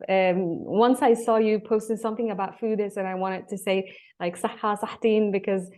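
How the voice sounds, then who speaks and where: A woman with a Tunisian accent from North Africa hosts a conversational interview. She is a native Arabic speaker with a medium-pitched voice. Her delivery is halting, with words repeated as she looks for the right phrase. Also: steady tone, warm tone. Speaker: podcast host.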